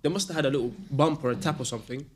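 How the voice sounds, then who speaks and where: A man telling a story in a casual chat, animated and slangy. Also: medium pitch, very fast, husky.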